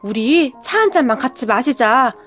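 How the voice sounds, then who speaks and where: A woman voicing a destitute middle-aged birth mother who begs and pleads slowly. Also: high-pitched, lively intonation, a bit bright. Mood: pleading. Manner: pleading, tearful, slow.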